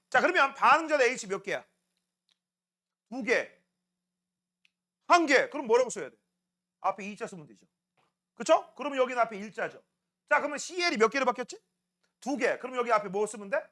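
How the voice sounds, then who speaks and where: A man teaching a science class, quizzing students by name with quick questions in a casual, teasing way. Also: very high voice, bright, forceful tone. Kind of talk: classroom lecture.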